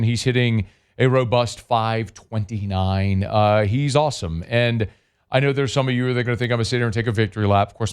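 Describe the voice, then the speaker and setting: A man hosting a sports talk radio show, chatting energetically with frequent fillers and quick asides, on a studio microphone. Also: mid-range voice, smooth.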